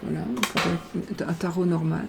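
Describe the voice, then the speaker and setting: A woman's voice: lowish voice, fairly even intonation, normal speed, creaky, very noisy. A woman reading fortune cards aloud in a casual tutorial, hesitant and stumbling over her words. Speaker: card reader.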